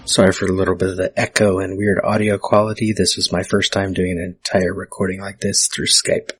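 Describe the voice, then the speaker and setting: Man, podcast host, slightly low voice, casual chatty delivery, video call audio. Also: flat delivery, fairly quick, a bit bright. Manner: chatty, self-deprecating, laughs easily. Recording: recorded over a video call.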